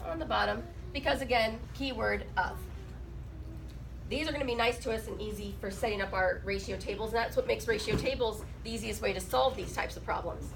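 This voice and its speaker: A woman's voice: a little high, brisk, creaky, noisy background. A woman teaching a math class while sick. She asks her students questions and jokes with them. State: sick, rough voice. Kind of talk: classroom lesson.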